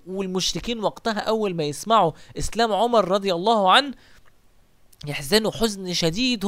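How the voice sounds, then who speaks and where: Fast, high-voiced Egyptian man storyteller. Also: dry recording. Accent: Egyptian Arabic. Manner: animated, asks and answers his own questions. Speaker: religious storyteller. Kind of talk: retelling early Islamic history in colloquial speech.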